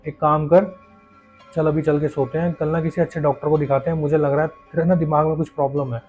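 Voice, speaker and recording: A man's voice: on the high side, flat delivery, fast talker, phone-quality sound, soft background music, lightly acted. A man voicing an easygoing young husband who teases his wife in a casual, joking way. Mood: teasing. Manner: teasing, casual.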